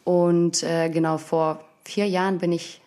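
A woman's voice: fairly low pitch, little pitch movement, unhurried, mellow. A woman in her twenties from Ukraine, a dancer chatting casually as a guest and laughing often. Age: 20s. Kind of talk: casual conversation.

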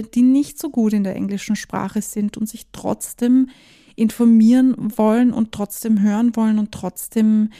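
Fairly high-pitched and mellow, her voice carries a casual solo podcast she hosts herself. She is a native German speaker who chats freely, laughs occasionally, and uses English phrases here and there.

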